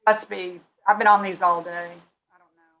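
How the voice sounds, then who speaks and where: A woman's voice: medium pitch, fairly even intonation, moderate pace, pushed and bright, rough recording. A woman on the fire district board, speaking in a remote meeting over a call line that keeps fading in and out. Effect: breaking-up call line that fades in and out.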